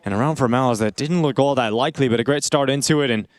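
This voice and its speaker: A man calling live esports play-by-play on a headset mic, quick and excitable, rising on the big plays. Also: mid-range voice, no room sound. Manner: fast, excitable calls that rise on big plays. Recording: game sound effects behind the voice. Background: game gunfire and effects.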